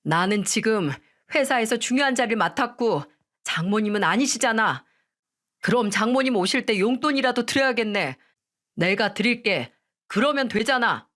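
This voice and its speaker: A woman's voice: fairly high pitch, lively intonation, moderate pace, fairly bright tone. A woman voicing an arrogant young husband who talks in a curt, irritated, condescending way.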